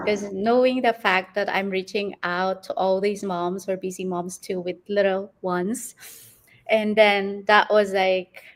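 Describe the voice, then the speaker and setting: A woman, answering interview questions as a guest, rambling and laughing often. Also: medium pitch. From Philippines. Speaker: guest entrepreneur.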